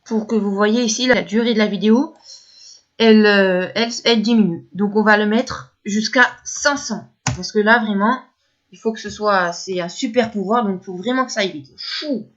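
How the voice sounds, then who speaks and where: A woman's voice: medium pitch, normal speed, lo-fi sound. A woman teaching video editing step by step, hesitant and repeating herself as she talks through each click. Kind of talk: screen-recorded editing tutorial.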